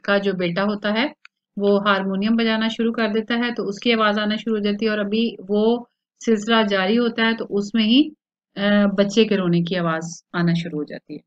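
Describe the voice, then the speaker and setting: A woman teacher explaining a play line by line to students, with frequent hesitant pauses. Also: medium pitch, steady tone. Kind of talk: explaining a literature lesson. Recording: dull lo-fi recording.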